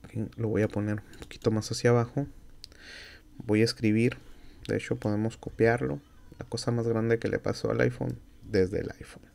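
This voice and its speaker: A low-voiced Mexican man with a gravelly edge, recording a screen tutorial at his computer. He explains each click step by step, stopping for fillers and small corrections. The delivery is that of a patient classroom teacher. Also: little pitch movement, normal speed, a little mellow. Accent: Mexican Spanish. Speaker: university instructor.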